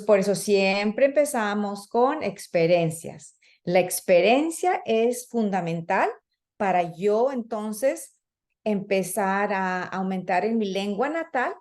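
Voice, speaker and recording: Speaking to a room of teachers, a woman who trains in early childhood education keeps her professional development session conversational. She leans on fillers and plays the parts of kids and teachers, in a slightly mellow, medium-pitched voice.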